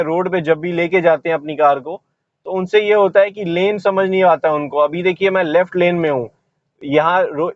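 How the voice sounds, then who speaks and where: A man's voice: high-pitched, dry recording, highs cut off. A man giving a driving lesson while he drives, explaining each step and pointing out what he is doing as he goes. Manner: explanatory, repeats "ye dekhiye" while demonstrating. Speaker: driving instructor. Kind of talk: instructional commentary while driving. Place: inside a car while driving.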